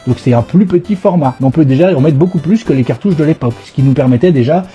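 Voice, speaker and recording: A man's voice: on the high side, fast talker, mellow, highs cut off, faint music behind. A middle-aged man with a stuffy cold hosting a casual live gaming stream, chatty, playful and nostalgic. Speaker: host.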